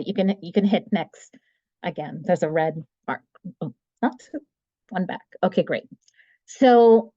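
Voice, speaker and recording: A woman in her forties from Trinidad and Tobago, giving a measured, explanatory webinar talk as guest speaker over a video call. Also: fairly low pitch, warm tone, dry recording, highs cut off. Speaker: guest speaker, medical writer. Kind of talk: webinar presentation.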